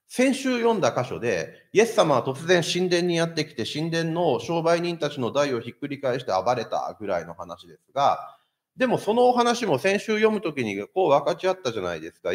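A man preaching a sermon as pastor, asking the congregation rhetorical questions. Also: mid-range voice. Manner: lively, asks the listeners rhetorical questions.

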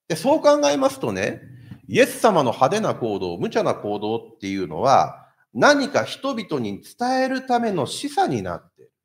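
A man's voice: on the high side, moderate pace. A man preaching a sermon as pastor, asking the congregation rhetorical questions. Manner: lively, asks the listeners rhetorical questions.

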